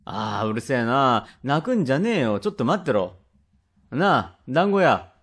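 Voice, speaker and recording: A man voicing a rough, quick-tempered father from old Edo, speaking blunt old Edo Tokyo speech in a rakugo tale. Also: mid-range voice, sing-song, fairly bright tone, full character voice. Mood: irritated. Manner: gruff, blunt, grumbling. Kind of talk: rakugo storytelling.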